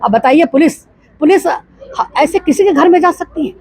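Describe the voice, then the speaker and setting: Speaking at a moderate pace in a high, slightly mellow voice, this older politician from Gorakhpur, eastern Uttar Pradesh, responds to a reporter in a news interview. Her answers come as indignant rhetorical questions.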